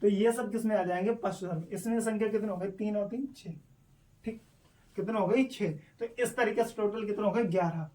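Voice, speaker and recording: Hindi teacher drilling vowel sounds. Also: male voice, high-pitched, brisk, darkish tone, recorded from a distance. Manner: explains step by step, asks and answers his own questions. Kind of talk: online exam-prep lesson.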